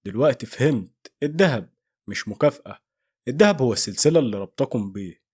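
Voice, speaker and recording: Man voicing an old monk, Egyptian accent, grave and fearful, husky voice, dry sound. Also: mid-range voice, animated, quick pace, a little mellow, dry recording. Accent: Egyptian Arabic. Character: frightened old male monk.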